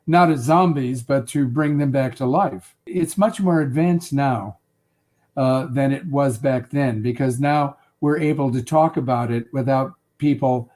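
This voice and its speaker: A man in his eighties answering interview questions in a halting way, full of filler sounds and restarts. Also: medium pitch, darkish tone. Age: 80s. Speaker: interview guest.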